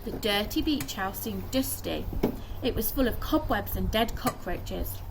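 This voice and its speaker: In a mid-range, slightly slow and creaky voice, a young woman gives an animated reading of a children's story, acting out the lines like a primary school teacher. The clip was captured outdoors in a garden near a wooden fence by a camera a short distance away, with noise and clicks throughout.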